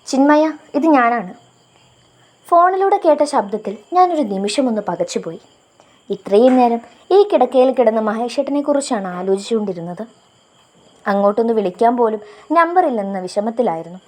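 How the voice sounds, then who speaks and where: A woman's voice: fairly high pitch, expressive, a little fast. Young woman narrating a love story. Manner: soft, reflective storytelling. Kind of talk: first-person story narration.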